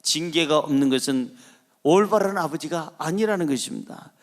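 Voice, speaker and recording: Emphatic high-voiced male pastor preaching. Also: normal speed. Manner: emphatic, repetitive, call-and-response with congregation. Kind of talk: sermon.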